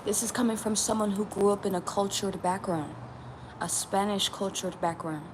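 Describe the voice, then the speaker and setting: A tarot vlogger from New Mexico talks in a mid-range voice at an ordinary pace, speaking out in a relaxed video. Her delivery is emphatic and full of repetition, with occasional swearing, and steady ambient noise is audible throughout.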